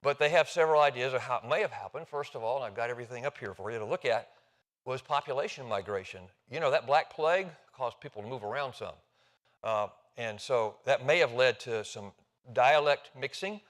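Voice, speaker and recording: A man's voice: mid-range voice, brisk, a bit bright. A man, teaching a sermon in a church in a chatty, folksy way and joking with the congregation. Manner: chatty, self-interrupting, jokes with the congregation. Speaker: preacher. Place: church sanctuary.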